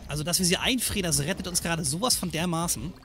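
A man hosting a gaming channel, giving let's play commentary in an animated, joking way and scolding the game's enemies. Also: a little high, fast talker, faint music behind.

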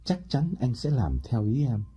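A man voicing a smooth-talking male lover in an audiobook, eager and pleading. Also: medium pitch, sing-song, normal speed, dark tone.

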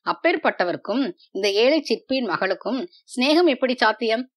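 A woman voicing a proud, wounded young female dancer in a storybook reading, with measured delivery. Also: on the high side, sing-song. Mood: indignant.

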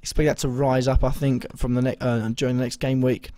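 A young man speaks in a warm, relaxed tone that is a little hoarse as his voice recovers. He rambles casually, hesitating often and correcting himself mid-sentence. The sound is dry and close, with no room around it. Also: medium pitch, fairly quick, dry recording. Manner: rambling, hesitant, full of ums and self-corrections. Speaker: fantasy football vlogger. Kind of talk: casual video commentary.

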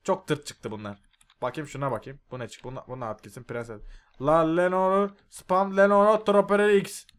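A young man giving loud, excitable gameplay commentary, swearing and yelling at the mobs on screen. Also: fairly high pitch, moderate pace, clean tone. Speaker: gaming YouTuber. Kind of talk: Minecraft mod review commentary.

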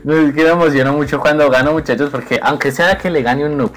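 A young man giving excited, playful commentary over his own gameplay, teasing his opponent and laughing often. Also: fairly high pitch, fast. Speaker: gaming video creator.

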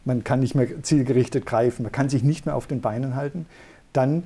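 A man's voice: medium pitch, fairly quick, warm tone, slightly rough. A middle-aged man, a neurologist, patiently explaining in an interview. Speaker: neurologist guest.

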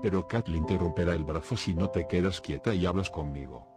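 A man reading the lines of a young girl who questions another child in a calm, threatening way. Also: sits low, brisk, natural voice. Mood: coldly threatening. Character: cold, menacing little girl interrogating another. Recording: music playing behind the voice.

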